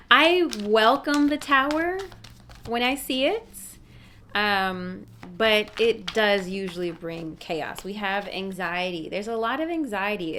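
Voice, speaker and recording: Chatty lady fortune teller doing a tarot reading, medium pitch, talks right at you with pushy advice, bit of street noise behind. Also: a bit bright. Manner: chatty, familiar direct address, emphatic advice. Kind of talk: casual tarot reading to viewers, fortune-telling. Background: rush-hour street noise.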